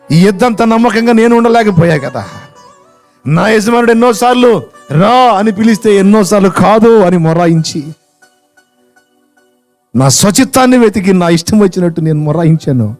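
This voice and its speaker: A man's voice: high-pitched, lively intonation, moderate pace, long pauses, a little mellow, soft background music, pitched above the performer's own voice. A man voicing an old preacher who weeps and earnestly prays for forgiveness, retold within a sermon. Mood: repentant. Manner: tearful, earnest pleading prayer. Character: repentant old male preacher begging forgiveness.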